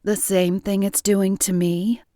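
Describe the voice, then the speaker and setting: A woman's voice: mid-range voice, flat delivery, a little slow, mellow, no echo, clean studio sound, lightly acted. A woman voicing a fierce, protective young woman shifter who speaks firmly and pleadingly to her mate. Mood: tender. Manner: firm, pleading.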